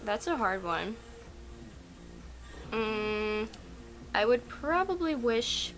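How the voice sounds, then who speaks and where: In a roughly recorded casual vlog from home at night, a young adult woman answers tag questions, rambling and chatting with plenty of "um" and "like." She is a native Russian speaker whose mid-range voice has a fairly bright tone.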